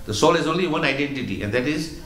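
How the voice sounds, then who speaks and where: A man giving a religious lecture as a spiritual teacher, explaining slowly and patiently, often repeating words as he goes. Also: on the high side, expressive, a bit bright, reverberant, rough recording.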